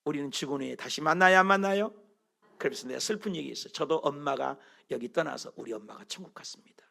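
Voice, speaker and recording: A man's voice: a little high, fast, gravelly, sharp tone. A middle-aged man preaching a sermon as pastor, telling stories with animation and throwing questions at the congregation.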